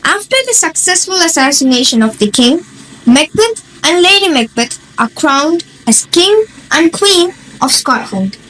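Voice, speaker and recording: A woman narrates a stage play from a script. She has a high voice and an unhurried, slow delivery, with faint noise behind. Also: sing-song, a bit bright, poor audio.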